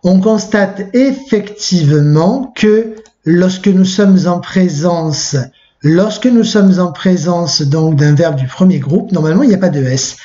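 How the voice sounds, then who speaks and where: A man teaching a grammar lesson by video to young pupils, patiently explaining step by step, slowing down to spell out example forms and often checking with "d'accord?". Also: high-pitched, mellow, highs cut off. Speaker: French teacher. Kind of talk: recorded video lesson for sixth graders.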